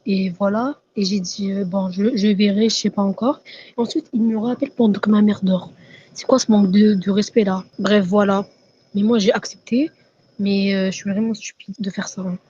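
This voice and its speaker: A young woman giving a halting, stammering testimony over a dull, lo-fi mic. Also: mid-range voice, fairly even intonation, dark tone, slight background noise. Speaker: testimony giver.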